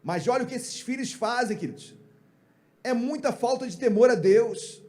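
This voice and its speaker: A man's voice: extremely high pitch, moderate pace, roomy sound. A man with a Brazilian Portuguese accent preaching an emphatic sermon, often calling out to the congregation directly. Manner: emphatic, addresses congregation warmly as "queridos". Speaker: pastor.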